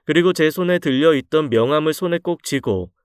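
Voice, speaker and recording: A man reading a first-person story aloud in an expressive, earnest storytelling manner. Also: a little high, brisk, clean tone, no echo, studio quality. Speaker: story reader.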